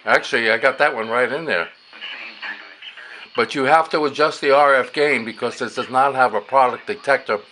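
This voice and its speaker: In a low-quality recording, a male radio hobbyist gives an offhand, unscripted demo of a receiver, talking through what he's doing as he works. He speaks at a normal pace with a medium pitch and a pushed, bright tone. Shortwave stations and static are clearly audible in the background.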